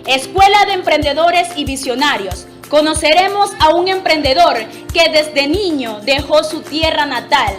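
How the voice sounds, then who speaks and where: Presenter, woman, high voice, crisp scripted links, faint music. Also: expressive, a little slow, few pauses. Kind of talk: scripted announcement.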